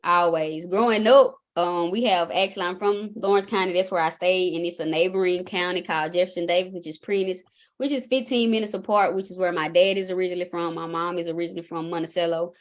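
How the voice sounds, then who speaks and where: A young woman with a Southern drawl from Mississippi, talking in a relaxed, folksy way as an interview guest. Her voice sits a little low for a woman, and she tells things in easy, rambling runs. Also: quick pace. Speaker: basketball coach, guest. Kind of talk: casual interview.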